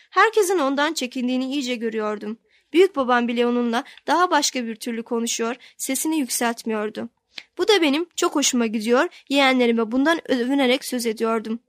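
Higher-voiced woman reading a novel aloud. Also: no echo, studio quality. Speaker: audiobook narrator. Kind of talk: scripted narration of a novel.

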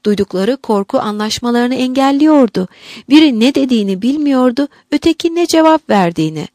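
A woman's voice: sits high, animated, fairly quick, warm tone, no room sound, clean studio sound. Woman reading an audiobook aloud. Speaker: narrator. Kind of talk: audiobook narration.

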